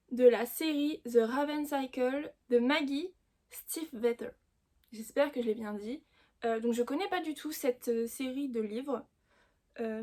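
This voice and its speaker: High-voiced woman chatting through an unboxing. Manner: chatty, full of hesitant fillers. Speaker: booktube host. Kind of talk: casual unboxing chat.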